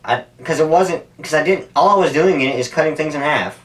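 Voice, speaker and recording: A man's voice: a little high, brisk. Candid, rambling man, distant from the mic. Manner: profane, candid, meandering. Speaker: YouTuber making stunt videos. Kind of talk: casual rambling talk to camera. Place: indoors at home, sitting in an ice bath. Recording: distant, off-mic camera audio.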